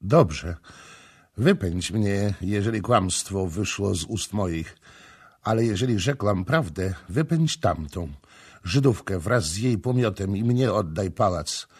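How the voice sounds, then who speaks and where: A man voicing a jealous, proud Phoenician woman who makes shrill, demanding outbursts. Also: animated, slow pace, darkish tone, slightly rough, exaggerated voice. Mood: furious. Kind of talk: audiobook character voicing.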